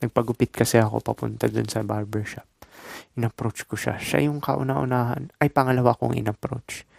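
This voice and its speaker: A man's voice: mid-range voice, level tone, moderate pace, vocal fry, darkish tone, no room sound. A man from the Philippines giving casual dating and self-improvement advice in a laid-back, instructive monologue full of short loose phrases and tag questions.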